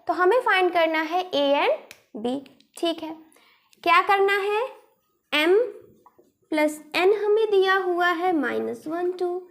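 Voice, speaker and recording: A woman teaching a maths lesson online in a patient manner, explaining each step and asking rhetorical questions as she goes. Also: very high-pitched.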